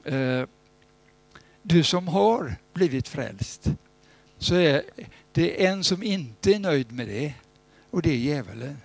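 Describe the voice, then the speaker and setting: A man preaching an informal sermon, telling stories in a conversational way and breaking into loud, pleading cries. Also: a little high, gravelly.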